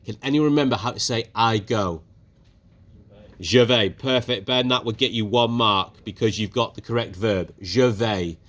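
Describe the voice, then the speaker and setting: In a school classroom, a man teaches his class a French speaking lesson, asking the pupils questions in a brisk, encouraging way. His voice is mid-range and a bit bright.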